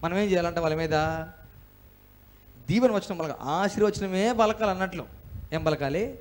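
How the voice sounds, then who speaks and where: A man's voice: high-pitched, normal speed. A male pastor from India preaching a sermon in church. He speaks emphatically, asks the congregation questions and has them repeat lines after him.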